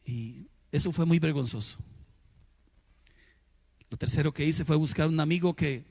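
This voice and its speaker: A middle-aged man preaching a sermon, telling personal stories and swinging between loud exclamations and hushed asides. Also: a little high, normal speed, vocal fry. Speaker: pastor.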